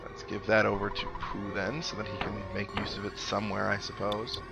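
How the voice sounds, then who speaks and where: Over background game music, a man with a low, creaky voice talks briskly and in a monotone. He hosts a let's play series, reading on-screen dialogue aloud and tossing in wry, musing comments in a casual way.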